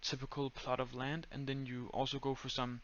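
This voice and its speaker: A young man with a Danish accent walks through a screen-recorded tutorial step by step, speaking flatly and monotonously with many "uh"s and "um"s. His mid-range voice moves fairly quickly, and the recording is muffled with a little hiss or hum.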